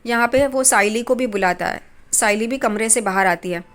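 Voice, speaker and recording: Woman doing a chatty episode recap, bit high voice, reads out the dialogue, little restarts here and there. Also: moderate pace. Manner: plain storytelling, reads dialogue lines aloud with small restarts. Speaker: TV serial recap narrator. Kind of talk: casual spoken episode recap.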